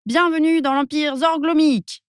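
A woman voicing a sulky, lively little girl in a children's storybook, talking high and excitedly. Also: normal speed, no room sound, studio quality.

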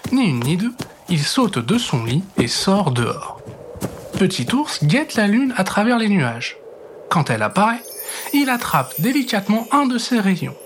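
A man reading a children's bedtime story aloud, expressive and gentle, dropping to soft whispers for suspense. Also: sits high, unhurried, slight background noise.

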